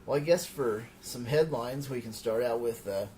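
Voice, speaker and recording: A man's voice: medium pitch, normal speed, dark tone, a little hiss or hum. Agreeable man in casual chat. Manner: agreeable, brief interjections. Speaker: podcast co-host.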